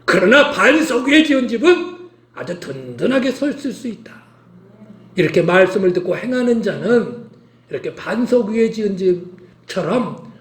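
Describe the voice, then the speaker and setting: Emphatic high-voiced pastor preaching. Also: male voice, roomy sound. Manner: emphatic, repeats calls to action. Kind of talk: sermon.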